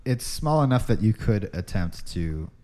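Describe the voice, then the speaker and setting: A deep-voiced man runs a tabletop role-playing game. He narrates as game master, improvising scenes deliberately and with pauses. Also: sing-song, warm tone.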